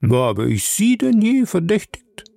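A cunning gentleman investigator, measured and diplomatic, leans on a gravelly, dark voice, as a man reads his lines. His pitch moves expressively across the sentences, and the voice sounds close and dry. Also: huge pitch swings, no room sound, full character voice. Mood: suave. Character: shrewd, suave older male investigator.

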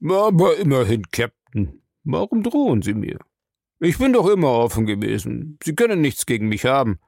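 A man putting on a shifty, ingratiating bar owner, pitched clearly above the reader's own voice with a gravelly edge. The delivery is smooth and evasive, and it comes across dry and close. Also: sing-song, normal speed, a little mellow, no echo.

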